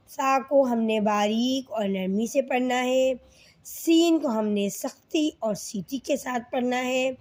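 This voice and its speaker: High-voiced woman teaching Quran letters. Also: a little mellow. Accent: Pakistani Urdu. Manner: slow, patient, repeats sounds and asks "okay children?". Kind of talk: teaching lesson to children.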